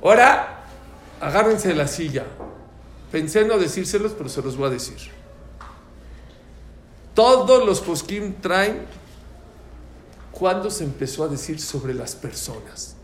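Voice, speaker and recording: A man's voice: a little high, normal speed, slight background noise. A man teaching a religious prayer class, telling stories and acting out the voices. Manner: animated, acts out voices in anecdotes. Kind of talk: lively religious class with storytelling. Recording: echoey room with faint ambience.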